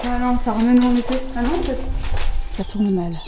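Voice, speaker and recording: A young woman chatting casually on a vlog while exploring abandoned places outdoors, excitable and exclamatory, with a handheld camera. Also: a little high, a little fast, slight background noise. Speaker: urbex vlogger. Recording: clear background music.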